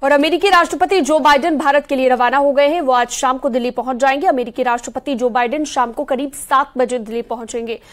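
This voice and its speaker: High-voiced young woman reading news. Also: steady tone. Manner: brisk, formal bulletin delivery. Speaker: news anchor. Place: TV news studio. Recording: broadcast bed music underneath.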